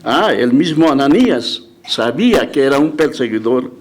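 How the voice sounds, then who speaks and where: A male pastor preaches at normal speed in a medium-pitched, very animated voice, retelling scripture with emphatic rises and dramatic quoted voices. He restarts and corrects himself often.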